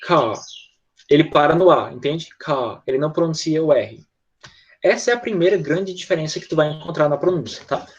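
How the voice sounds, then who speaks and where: Man teaching an online class, muffled sound. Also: fairly high pitch. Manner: patient, checks in often with quick tag questions. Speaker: English teacher.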